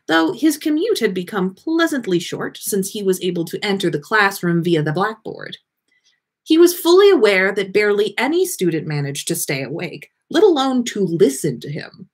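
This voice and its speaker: A woman with a husky, mid-range voice reads fan fiction aloud at a normal pace, telling the story expressively.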